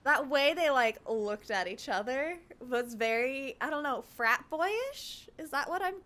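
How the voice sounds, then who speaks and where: Chatty high-voiced woman streaming a game. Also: expressive, a little slow, a bit bright, low-quality recording. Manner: chatty, rambling and slangy. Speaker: streamer playing a video game. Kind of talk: casual game commentary. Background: game music.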